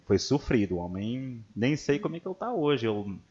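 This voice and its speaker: A man's voice: medium pitch, very animated, fairly quick, crowd noise. A man hosting a podcast, chatting casually and telling stories with frequent restarts and repeated words. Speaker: podcast host. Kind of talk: casual chat. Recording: muffled lo-fi audio.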